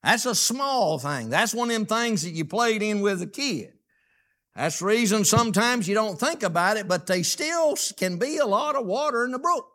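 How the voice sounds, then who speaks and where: A man preaching a folksy, plainspoken sermon, reading scripture aloud and stressing words with drawn-out emphasis. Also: sits high, lively intonation, sharp tone.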